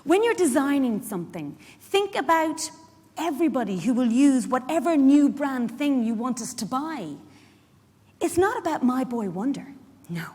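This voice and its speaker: Very animated at a moderate pace, a high-voiced Irish woman with a darkish tone acts a live monologue as a feisty, protective care worker, sounding indignant and pleading. She speaks conversationally and wryly, putting rhetorical questions to the audience, her stage reading echoing through a large indoor event hall.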